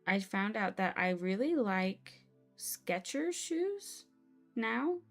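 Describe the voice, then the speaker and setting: A woman's voice: medium pitch, expressive, a little slow, creaky, fairly bright tone, soft background music. Bubbly young woman streamer chatting. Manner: bubbly, chatty, exclaims often. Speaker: live streamer. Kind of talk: casual live-stream chat while playing.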